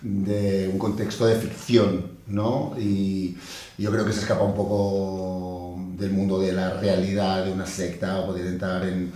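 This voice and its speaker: Actor from barcelona, deep voice, thoughtful, echoey room w/ some faint background. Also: male voice, level tone, measured pace, mellow. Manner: thoughtful, tag questions, occasional laughs. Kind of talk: casual interview talk.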